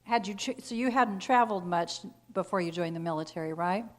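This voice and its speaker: A woman's voice: fairly low pitch, fairly quick. Female show host conducting an interview, earnest and appreciative.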